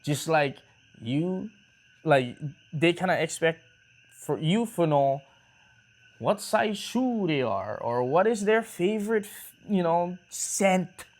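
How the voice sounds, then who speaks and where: A man's voice: a little high, slow. Laid-back man rambling in casual chat. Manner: rambling, restarts, relaxed slang. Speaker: co-host of a couple's talk show.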